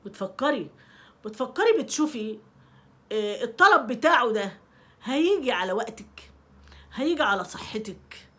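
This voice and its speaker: A woman with an Egyptian Arabic accent hosting a self-help talk for women, in her middle years. She sounds emphatic and animated, with a somewhat high voice that swings widely in pitch. She keeps repeating her key phrases and acts out small examples as she talks. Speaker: self-help video host. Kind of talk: advice talk to women viewers.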